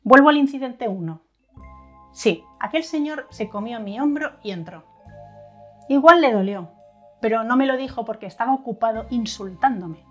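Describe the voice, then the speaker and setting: A woman's voice: fairly high pitch, expressive, normal speed. Woman, wry first-person storytelling, scripted narration, conversational tone, faint music underneath.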